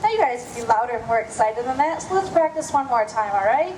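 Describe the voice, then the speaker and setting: Casting: high-pitched woman for a children's zoo show, kids' party magician coaxing the audience, echoing, noisy live sound. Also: expressive, fast talker.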